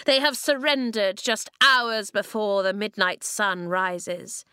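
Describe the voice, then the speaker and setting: A woman voicing a cruel, cackling queen of ice in a storybook reading, speaking in a shrill, sneering and threatening way. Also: fairly even intonation, slow pace, sharp tone, clean tone, no echo. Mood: gloating.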